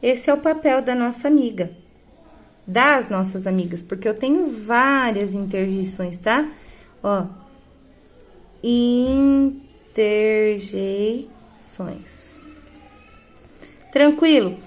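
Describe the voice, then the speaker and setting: Brief: woman teacher, fairly high voice, patient step-by-step explainer, keeps asking "right?", recorded lesson at home. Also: expressive. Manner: explains slowly, checks in with "tá?" and "né?"; writes on a board while talking. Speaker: schoolteacher. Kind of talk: recorded online grammar lesson.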